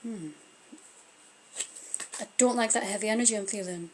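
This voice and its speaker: A Scottish woman reads tarot on a casual live stream, thinking aloud and trailing off as she turns each card. Her mid-range voice has a darkish tone at a normal pace, and the phone or webcam mic picks up a little hiss or hum.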